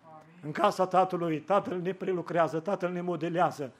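A man. He slows and lifts his voice on scripture quotes, then drops low and soft in his appeals to the listeners. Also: steady tone. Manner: fervent preaching, slows and rises on scripture quotes. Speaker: preacher. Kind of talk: sermon.

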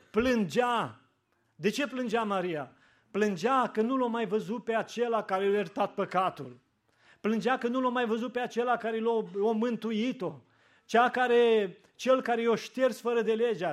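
A man preaching a sermon in a church, fervent, rising to emphatic peaks and dropping to quiet, prayerful lines. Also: high-pitched.

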